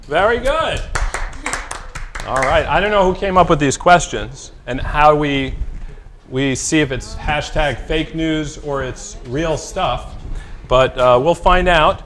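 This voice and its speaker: A man's voice: on the high side, takes it slowly, a bit bright, slight background noise. Jokey man hosting a trivia quiz. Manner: jokey, teasing, exaggerated repetitions. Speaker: fundraiser broadcast host.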